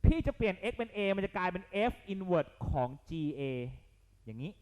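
A man leads a math exam lesson in a casual, coaxing way, asking again and again whether students are keeping up. His voice sits a little high and moves up and down a lot. The sound carries a long, hall-like reverb. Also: normal speed. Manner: lively, coaxing, keeps checking the students follow; blunt and slangy at times. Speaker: math tutor.

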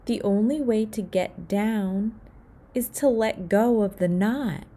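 A woman reading a children's picture book aloud at storytime, expressive and playing out the sound effects. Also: mid-range voice, slow. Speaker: storytime reader.

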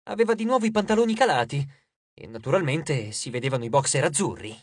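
A male audiobook narrator with a high voice that swings lively across each sentence. He tells the story with expressive energy. The recording is close and dry. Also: fast talker, dry recording.

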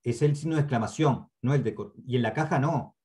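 A man with a Uruguayan accent gives a patient online training lecture, repeating key points and often checking in with a quick "¿sí?". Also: mid-range voice, mellow. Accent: Uruguayan Spanish. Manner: checks in with frequent "¿sí?"; hesitant fillers and restarts. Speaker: instructor. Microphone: computer mic on a video call.

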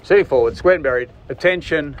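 A man's voice: on the high side, fast talker. A man coxing a rowing crew, calling out terse, clipped commands. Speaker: rowing coxswain. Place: outdoors in a rowing boat on water. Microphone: coxswain's worn microphone. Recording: noisy on-water boat recording. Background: loud water and boat noise.

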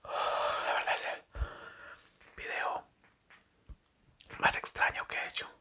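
A young man doing whispered ASMR eating commentary in halting, short phrases, close to the microphone in a small bedroom. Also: bright, forceful tone. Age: young adult. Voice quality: breathy, unvoiced whisper. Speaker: ASMR mukbang creator. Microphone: desk microphone close to the mouth.

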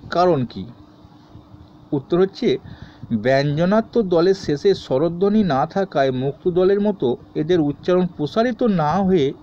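A man teaching a grammar lesson to students, reading each question and then explaining the answer in a steady tone. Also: on the high side, dull audio, slight background noise.

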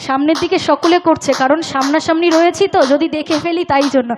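A woman's voice: high-pitched, fairly even intonation, fast talker, noisy background. A woman folk singer talking from a live stage, coaxing the audience to clap and sing along. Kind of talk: live stage talk between songs. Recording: loud band music behind the voice.

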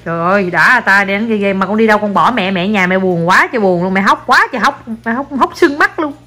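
A woman's voice: mid-range voice, animated, fast talker, pushed and bright. A young mother in casual family chat, teasing her child with mock sadness. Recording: noisy home video.

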